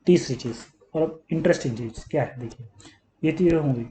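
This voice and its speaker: This chemistry teacher talks fairly quickly in a mellow, somewhat high voice, earnestly urging his exam students along. "Beta" comes up often as he goes over his points again and again, recorded in an echoey space with a low hum.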